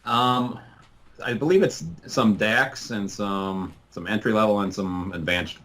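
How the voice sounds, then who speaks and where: A man with a low voice cuts into an online meeting with quick, helpful remarks. His tone is casual and plain. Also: fairly bright tone.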